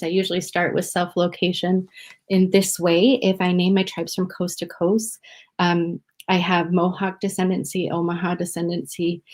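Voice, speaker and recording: A woman speaking as a guest educator on a video call, halting and emotional, with many fillers. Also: lowish voice. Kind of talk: informal event remarks.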